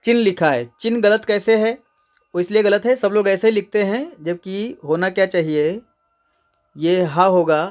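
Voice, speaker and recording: A man's voice: high-pitched, moderate pace. Man teaching Hindi grammar step by step. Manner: explains step by step, repeats key words, checks in with "ठीक है". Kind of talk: exam answer-key lecture.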